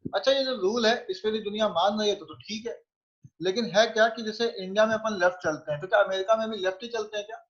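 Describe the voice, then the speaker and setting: A man's voice: sits high, fast talker, fairly bright tone, muffled recording. A man teaching physics, conversational and often checking that students follow. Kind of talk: online class lecture.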